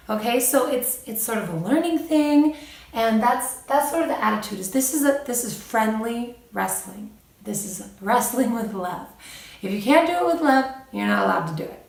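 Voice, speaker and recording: A young mother talks through parenting advice in a casual vlog, chatty and quick to laugh. Her voice sits a little high with a gravelly edge. She sounds set back from the mic in an echoey room. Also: far from the mic. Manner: chatty, laughs often, animated when quoting her children. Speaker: mom vlogger giving parenting advice.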